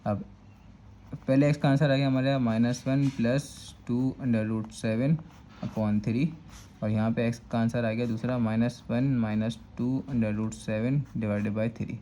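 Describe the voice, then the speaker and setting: A man's voice: medium pitch, level tone, measured pace, mellow, a little hiss or hum. A man with a Karachi Urdu accent teaching a step-by-step math lesson, patiently repeating "thik hai" to check that students follow. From Pakistan.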